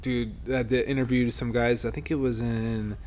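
A man's voice: medium pitch, flat delivery, moderate pace, darkish tone. A man co-hosting a podcast in casual chat, joking, laughing often and repeating okay and dude. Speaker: podcast co-host.

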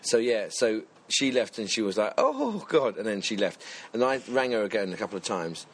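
A man's voice: lowish voice, a little fast. A man chatting casually, telling rambling self-mocking anecdotes full of quoted voices. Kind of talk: casual chat, storytelling.

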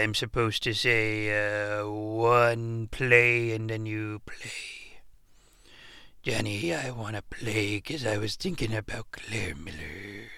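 A man's voice: medium pitch, sharp tone, clean tone, no echo, clean studio sound. A man voicing a bumbling, rambling old ex-wrestler who gets easily flustered and confused by technology, in an improvised comedy bit.

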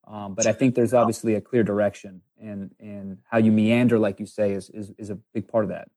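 A man's voice: fairly low pitch, little pitch movement, brisk, warm tone, dry recording. A man hosting an interview, eager and stammering, repeating his words as he talks. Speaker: podcast host. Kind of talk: casual interview talk.

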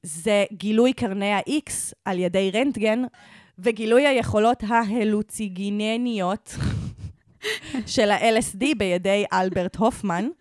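A woman's voice: mid-range voice, no room sound, studio quality. A woman with an Israeli accent chatting casually as a podcast co-host. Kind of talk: casual conversational podcast chat.

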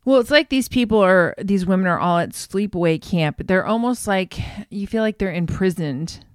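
A woman co-hosting a casual chat, easygoing and quick to laugh. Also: medium pitch, expressive, clean tone, no echo, studio quality. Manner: easygoing, chatty, laughs often. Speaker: podcast co-host.

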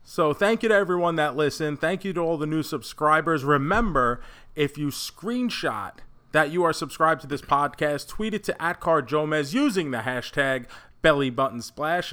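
A man with a bright, forceful voice set a bit higher than average. He talks casually as a podcast host, chatting to listeners and his co-host.

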